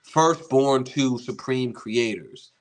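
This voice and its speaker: A man's voice: mid-range voice, takes it slowly. A young man hosting a casual commentary stream, reading fan-written character entries aloud and stumbling over long invented words, then thinking aloud about them. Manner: reads quoted text, then adds his own remarks. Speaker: host.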